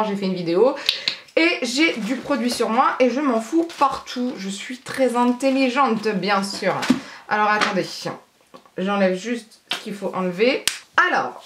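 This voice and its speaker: A woman's voice: medium pitch, reverberant, background noise. A woman beauty vlogger in casual haul chat, chatty and rambling with a self-mocking humor.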